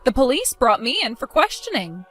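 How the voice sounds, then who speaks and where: A woman voicing a shrill, spiteful mother-in-law. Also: sing-song, moderate pace, fairly bright tone, soft background music, exaggerated voice. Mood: indignant. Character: spiteful older mother-in-law, defensive and scheming. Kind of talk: dramatized story voice acting.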